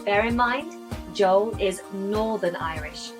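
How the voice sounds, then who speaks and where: A woman presenter explaining phrases in a measured, explanatory way. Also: medium pitch, over music.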